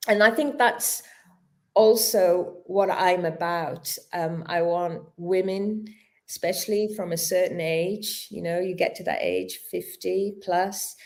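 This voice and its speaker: Her voice on the low side and a little mellow, a yoga teacher in her fifties reflects earnestly as a casual interview guest. Because of a dental injection, her mouth is numb and her speech a little clumsy, with slight stumbles as she looks for words.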